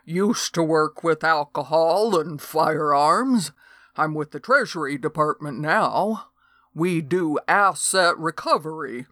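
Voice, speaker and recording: Calm male federal agent with a slow, unhurried drawl, as read by a woman, in a dry, close audiobook sound. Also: sits low, no room sound, full character voice. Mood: businesslike. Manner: slow, steady drawl with "y'all". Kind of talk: audiobook character voice.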